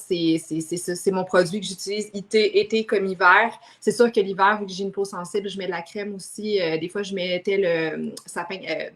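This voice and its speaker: A woman's voice: mid-range voice, a bit bright. Chatty woman guest in her thirties. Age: 30s. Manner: chatty, hesitant, trails off with fillers. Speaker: guest customer. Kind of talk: casual chat.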